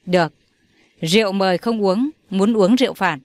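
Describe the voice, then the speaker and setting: A woman's voice: medium pitch, normal speed, darkish tone, no room sound, close to an everyday voice. A woman voicing a domineering old father in an audio story, harsh and commanding. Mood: furious. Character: furious old male patriarch, domineering father.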